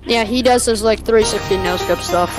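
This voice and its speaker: A woman chattering excitedly and trash-talking a teammate while playing a video game. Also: medium pitch, moderate pace. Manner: excitable, playful trash talk. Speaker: gamer streaming with a friend. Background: game music.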